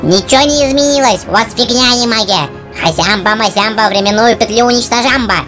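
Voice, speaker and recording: A woman's voice: fairly high pitch, fairly quick, music in the background, close to an everyday voice. A woman voicing a grumpy, boastful male cartoon dog who talks in cocky, insulting slang. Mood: alarmed. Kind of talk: comic cartoon dog voice-over.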